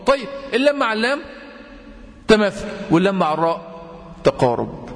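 A man with an Egyptian accent teaching tajweed, quizzing his students with repeated questions and chanting verse examples slowly. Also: sits high, big pitch swings. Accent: Egyptian Arabic. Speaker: Quran recitation teacher. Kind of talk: tajweed lesson. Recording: long reverb.

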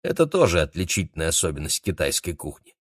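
A man's voice: deep voice, big pitch swings, quick pace, dry recording. A man reading a storybook, voicing a gloomy, matter-of-fact cook close to his own voice. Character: gloomy cook, knowledgeable and dry.

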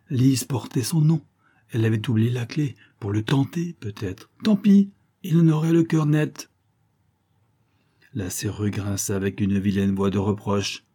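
A man narrating a short story as an audiobook, measured and expressive. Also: medium pitch, husky.

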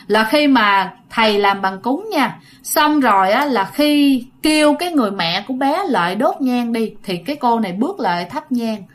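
Woman, Southern Vietnamese accent, high voice, casual ghost story narration, chatty, talks straight to listeners. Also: animated, normal speed, few pauses. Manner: chatty, addresses listeners directly.

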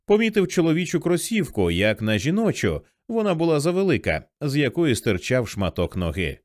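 A man narrating a novel as an audiobook in a vivid, expressive storytelling manner. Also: a little high, brisk, no room sound, studio quality.

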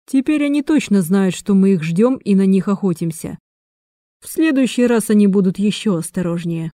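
A woman's voice: medium pitch, expressive, moderate pace, dark tone, no echo, studio quality, natural voice. A woman voicing a tired, bitter male agent who speaks through his teeth.

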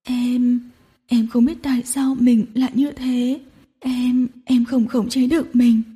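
A woman's voice: high voice, steady tone, moderate pace, warm tone, voice pushed up, close to an everyday voice. A woman reading a storybook and voicing a tearful, clingy young woman who pleads between sobs. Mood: sobbing, pleading. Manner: sobbing, pleading, breathy.

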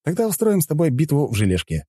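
Man doing a cocky young mage, high teasing voice, mock-polite, dry sound. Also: wildly swooping pitch, fast talker, mellow, dry recording. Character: cocky young male healer mage, mocking.

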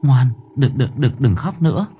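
A man's voice: medium pitch, animated, normal speed, breathy edge. A man doing a stammering, frightened young woman. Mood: soothing. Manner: stammering, gentle, anxious. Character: frightened young pregnant woman soothing ghosts.

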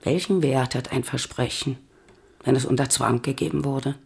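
A woman playing a woman disguised as a young male physician, calm and persuasive, in a radio play. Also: very deep voice, normal speed, gravelly, husky, exaggerated voice. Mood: measured.

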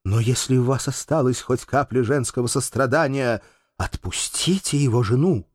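A man reading an audiobook, voicing a meek, earnest male angel who pleads gently and solemnly. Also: mid-range voice, moderate pace, no echo, studio quality, pitched above the performer's own voice, lightly acted. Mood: pleading.

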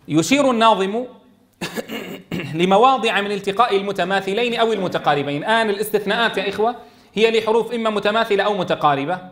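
A man teaching a Quran recitation class, calling on students by name and reciting verses slowly. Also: high-pitched, fairly bright tone. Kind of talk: classroom tajweed lesson.

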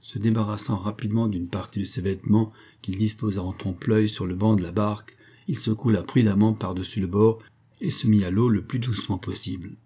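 Low, husky male storyteller. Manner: steady, measured storytelling. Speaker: audiobook narrator. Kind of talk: scripted narration of an adventure novel.

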